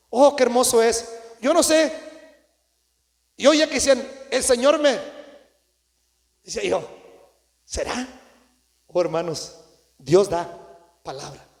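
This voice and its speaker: A man with a very high voice preaches a fervent sermon. He rises to sudden cries, then drops to low asides to his brothers in the congregation. The church hall rings with a long echo around him. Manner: impassioned, swings between shouts and low asides, addresses "hermanos" often. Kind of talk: Pentecostal sermon. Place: church sanctuary.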